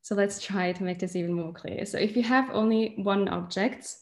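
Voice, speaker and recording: A young Swiss woman, a PhD researcher, gives an online lecture from a museum collection room, holding up specimens as she explains them. Her voice is medium-pitched and her pace moderate.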